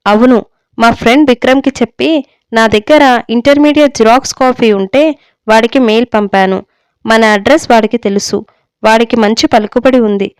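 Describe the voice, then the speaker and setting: A woman voicing a busy young adult son living abroad in a read-aloud story, talking in a hurried, evasive way. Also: a little high, clean tone, dry recording, lightly acted. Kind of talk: storybook reading.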